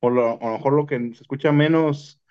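A man's voice: fairly high pitch, a little fast, smooth. A man with a Mexican Spanish accent, rambling through paranormal stories in casual chat and restarting his sentences often. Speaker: podcast guest telling paranormal stories. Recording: dull lo-fi sound.

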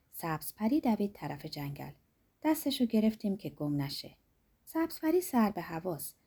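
A woman narrating a fairy tale in a soft, dreamy way, her sentences trailing off quietly. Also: medium pitch, husky. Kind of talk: storytelling narration.

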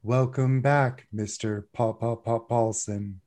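A man's voice: medium pitch, fairly even intonation, takes it slowly, mellow, lightly acted. A man voicing a female robot with a metallic, tinny, stuttering voice while running a tabletop game. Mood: glitchy greeting. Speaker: game master.

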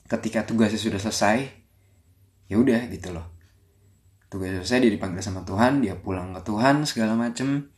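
Soft-spoken young man. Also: fairly low pitch, brisk, long pauses. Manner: soft-spoken and reflective, with frequent restarts. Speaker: podcast host. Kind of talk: personal storytelling.

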